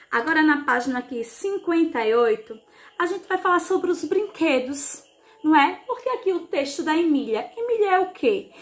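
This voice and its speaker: A Brazilian woman teaching young children over a televised lesson, talking slowly and kindly, with lots of diminutives and check-in questions. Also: high-pitched. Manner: slow, sing-song teacher talk with diminutives. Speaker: primary school teacher. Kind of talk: televised remote class for children.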